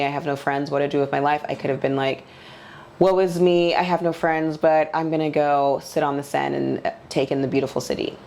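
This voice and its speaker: Low-voiced reflective woman in her forties. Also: vocal fry, a little mellow. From Nigeria. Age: 40s. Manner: reflective, open, loose with many "like"s. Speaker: podcast guest. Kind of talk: candid personal conversation. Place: her home.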